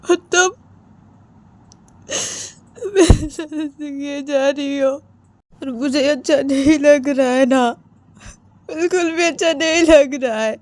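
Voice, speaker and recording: A woman voicing a hurt young woman who cries while scolding her girlfriend, in a high, tearful voice. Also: slow, long pauses, a little mellow, no echo. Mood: tearful anger. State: crying.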